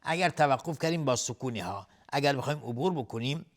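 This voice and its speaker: Here an animated man with a medium-pitched voice teaches Quran recitation rules, first chanting every verse in a slow, melodic way. He follows each one with a quick, plain explanation of the rules.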